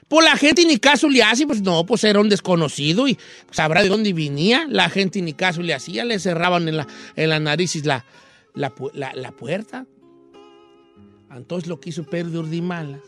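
A man telling a folk tale in an animated, folksy way, with asides to his listener. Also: high-pitched. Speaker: storyteller. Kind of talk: folksy oral storytelling.

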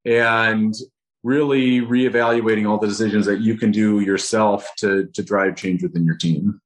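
A man's voice: lowish voice, fairly even intonation, moderate pace, rough recording. A man speaking casually as an interview guest on a podcast. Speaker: podcast guest, dental professional.

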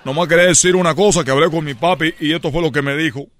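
A man's voice: fairly high pitch, steady tone, rapid-fire, background noise. Joking man on a comedy radio show. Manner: playful, jokey. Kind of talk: comedy sketch.

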